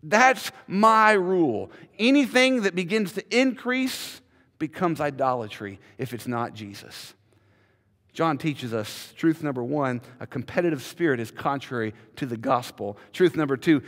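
Speaking from a church pulpit, a pastor in his thirties sounds fairly high and a bit bright, animated yet measured as he repeats words emphatically to build his points. Long hall reverb fills the large sanctuary, with audio from a podium mic and video from a far camera.

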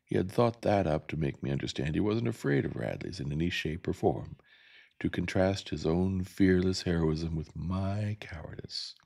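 A man narrating a novel in a gentle, soft ASMR reading. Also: low voice, moderate pace, vocal fry.

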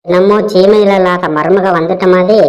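Woman doing a low-voiced tamil cartoon mom, grumbly and sarcastic, always scolding. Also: fairly even intonation, moderate pace, darkish tone, dull audio, natural voice. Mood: grumbling. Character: bitter scolding Tamil mother-in-law, middle-aged. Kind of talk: cartoon comedy voice acting.

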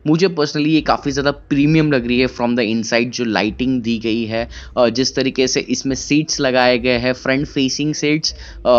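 A young man in his twenties walking through a bus at an indoor expo hall, giving a casual vlog-style walkaround review with many "uh" pauses, on a handheld camera mic. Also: medium pitch, smooth, muffled recording. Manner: casual, Hindi mixed with English, many "uh" pauses. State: tired but excited. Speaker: car vlogger.

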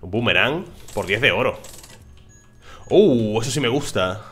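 A young man from Spain with a Spanish accent, commentating a game casually, excitable and swearing freely. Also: mid-range voice, a little slow, soft background music. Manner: excitable, swears freely, talks to his viewers. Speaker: gaming video host.

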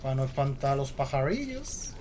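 A man with a Spain Spanish accent giving jumpy, excitable let's play commentary while he plays. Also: medium pitch, a little fast, background noise. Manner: jumpy, excitable, talks to himself. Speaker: gaming host.

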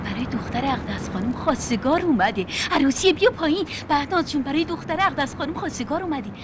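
A woman's voice: high-pitched, animated, background noise. An actress playing a chatty, gossiping neighbor woman in a 1990s film. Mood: calling out. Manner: gossiping, coy.

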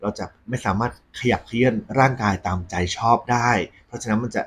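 A man hosting a ghost story segment, talking conversationally and politely to his audience with a husky voice. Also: mid-range voice, fast, a little hiss or hum. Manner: polite, frequent Thai male polite particles.

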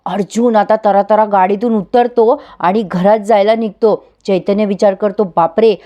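A woman's voice: medium pitch, fairly even intonation, normal speed, muffled recording. A woman retelling a TV serial episode to her viewers, acting out each character's lines. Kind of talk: casual recap narration addressing viewers.

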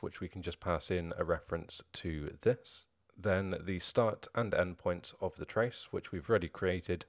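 Low-voiced man explaining code step by step. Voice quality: steady, methodical explaining. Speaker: programming tutorial host. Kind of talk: screen-recorded coding tutorial narration.

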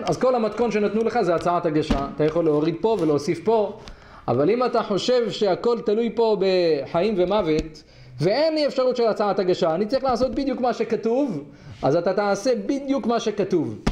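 A man, a rabbi, giving a weekly Torah lesson in a study hall with lively storytelling and rhetorical questions. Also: sits high. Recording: echoey hall, faint noise.

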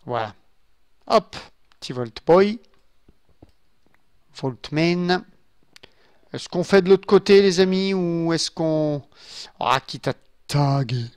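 A man's voice: a little high, a little slow, a little mellow, clean tone, no echo. A man giving casual let's-play commentary from his home computer, chatting and muttering asides to his viewers as he builds. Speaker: gaming YouTuber. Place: home room with a glass desk.

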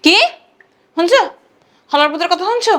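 An actress playing a sharp-tongued middle-aged mother-in-law who scolds shrilly. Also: very high-pitched, lively intonation, fairly quick. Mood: bickering. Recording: roomy, distant, noisy.

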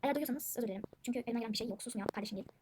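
A high-pitched young woman rattling off quick, chatty gameplay commentary and calling out to her viewers again and again. She is recorded at home, with siblings' chatter clearly audible in the background. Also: background noise. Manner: chatty, addresses viewers constantly. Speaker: gaming channel host. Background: siblings talking in the background.

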